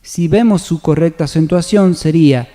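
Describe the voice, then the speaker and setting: A man presenting a church music seminar, calmly explaining hymn meter in a measured, scripted way. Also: on the high side. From Argentina. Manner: calm, measured explanation with sung hymn examples. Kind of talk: scripted teaching on radio.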